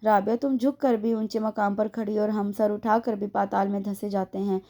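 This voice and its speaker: A woman reading an audio novel, voicing a caring young woman like an older sister who scolds gently. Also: medium pitch, level tone, moderate pace, natural voice. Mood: weary.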